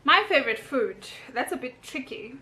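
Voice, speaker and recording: Against a noisy background, a South African YouTuber in her thirties casually reads and answers questions for a get-to-know-me vlog. Her voice sits high, with lively intonation and a moderate pace.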